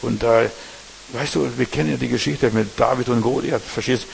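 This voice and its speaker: A man preaching a sermon, emphatic, speaking straight to the congregation and swinging between loud stresses and quiet asides. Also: medium pitch, fairly even intonation, moderate pace, creaky, a little hiss or hum, low-quality recording. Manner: emphatic, talks straight to the congregation with repeated tag questions.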